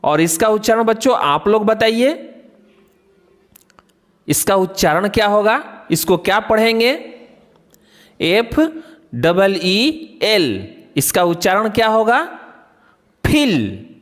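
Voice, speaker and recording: A man's voice: high-pitched, takes it slowly, long pauses. A man teaching children to pronounce English words, spelling each one out letter by letter. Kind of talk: phonics lesson for children. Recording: long hall reverb.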